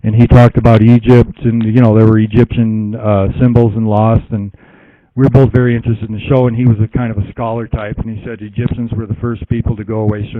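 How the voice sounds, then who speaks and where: A man's voice: lowish voice, little pitch movement, quick pace. A man, the guest of an interview, telling a long personal story in a meandering way, laughing often and leaning on fillers. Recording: dry, dull lo-fi internet radio audio.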